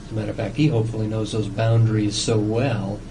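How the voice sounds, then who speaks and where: A man with a fairly low voice speaks as a psychiatrist in an evaluation interview. He explains deliberately and at length, pausing and hesitating as he goes. The recording is a noisy old interrogation-style tape. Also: level tone. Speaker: psychiatrist doing a competency examination.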